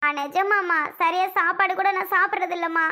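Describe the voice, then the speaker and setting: A woman doing a tearful young daughter in a cartoon family serial, very high and bright, begging her father again and again. Her words come in soft, repeated pleas. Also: steady tone, moderate pace. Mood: pleading. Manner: pleading, repeated calls of "appa".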